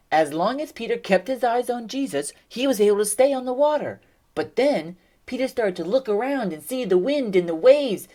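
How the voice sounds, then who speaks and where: A young woman teaching a children's Bible lesson, telling the story in an expressive, animated way. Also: medium pitch.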